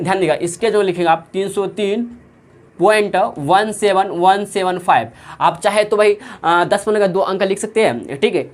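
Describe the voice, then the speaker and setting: A woman math teacher with a Bihari Hindi accent, working through sums in a classroom lesson and answering her own repeated questions. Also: on the low side. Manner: asks questions and answers them herself, repeats every step.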